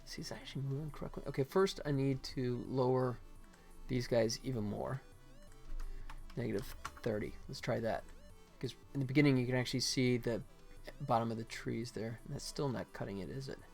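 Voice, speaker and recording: A casual American man, a game developer hosting a livestream, thinks aloud while he works, with music playing behind him. His voice is medium-pitched, gravelly and a little mellow, and he talks fairly quickly.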